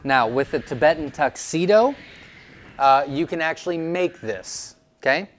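Young man explaining, relaxed and casual. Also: a little high, measured pace, a little hiss or hum. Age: young adult. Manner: relaxed, explanatory, many fillers. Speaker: quail breeder. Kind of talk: informal teaching video. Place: indoors, seated before a wooden wall. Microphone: clip-on lapel mic.

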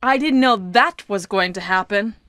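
An actress playing Jill, an earnest young special-forces operative in a 1990s video game, with stilted, over-enunciated delivery. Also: female voice, medium pitch, normal speed, a bit bright, clean studio sound, close to an everyday voice. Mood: calm, hesitant. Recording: long hollow reverb.

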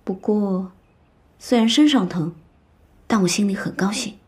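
A young actress playing a spirited, outspoken young woman who talks briskly and teases in a period TV drama. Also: medium pitch, lightly acted. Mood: lively. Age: young adult. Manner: brisk, lively and teasing. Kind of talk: dubbed TV drama dialogue.

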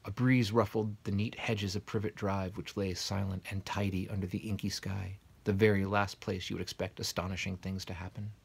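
A man softly reading a bedtime story aloud in bed, his narration sometimes dropping to a whisper. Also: sits low, flat delivery, moderate pace, gravelly, few pauses, slightly rough. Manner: soft, quiet narration, drops to a whisper. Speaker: reader.

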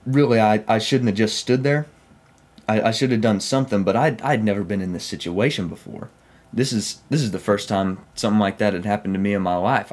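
A darkish voice on the low side comes from a young Southern-accented man of Oklahoma, United States. Vlogging about trains, he casually shares folksy first-person railfan stories from a small room in his home.

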